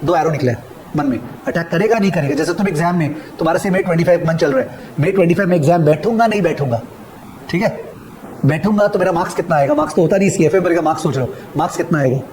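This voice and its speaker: A middle-aged man lectures on finance with a fairly high voice. He is emphatic and keeps repeating key phrases, dictating them slowly for students to copy down. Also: background noise. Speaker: finance teacher. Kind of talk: classroom lecture mixing Hindi and English.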